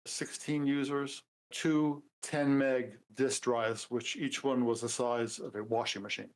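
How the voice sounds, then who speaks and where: A man in his seventies, a programmer guest in a casual interview, talking in a relaxed way with dry humor and many fillers. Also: medium pitch, measured pace, slight background noise, rough recording. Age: 70s.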